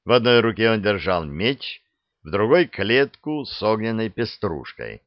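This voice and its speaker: A man narrating a comic fairy tale in an expressive, unhurried storytelling manner. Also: lowish voice, dry recording. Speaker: audiobook narrator. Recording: dull lo-fi recording.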